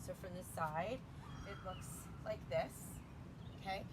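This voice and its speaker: A woman's voice: fairly low pitch, unhurried, background noise. A woman teaching a yoga flow outdoors, cueing breaths and poses in a chatty, casual way. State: slightly out of breath. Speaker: yoga instructor.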